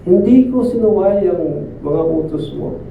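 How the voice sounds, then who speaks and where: A resentful older brother, an adult man, bursts out in high, aggrieved complaints, as a preacher acts him out in a sermon. The sound comes from far off in an echoey room, squeezed and tinny like a phone line. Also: animated, measured pace, gravelly, slight background noise, full character voice. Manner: indignant complaining outbursts.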